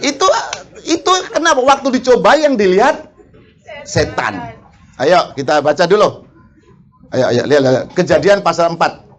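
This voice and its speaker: A man's voice: a little high, big pitch swings. A male preacher, delivering a sermon and firing questions at the congregation. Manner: asks the congregation questions, quick laughs, acts out quarrels. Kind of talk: lively sermon.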